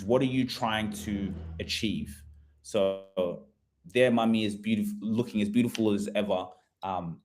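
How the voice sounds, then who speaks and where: With a lowish, slightly mellow voice, a man from Australia presents a casual live webinar on property investment. His delivery is chatty and repetitive, and he frequently asks his audience rhetorical questions.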